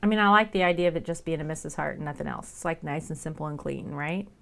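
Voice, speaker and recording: A woman's voice: sits low, fast, gravelly, fairly bright tone. A woman live streaming as she works on a craft project, chatting casually and thinking aloud as she goes.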